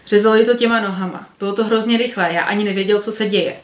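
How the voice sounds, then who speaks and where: A woman's voice: mid-range voice, steady tone, close to an everyday voice. Brief: woman reading as a shaken wounded carter, tense, roomy sound. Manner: tense, recounting an attack. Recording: roomy echo.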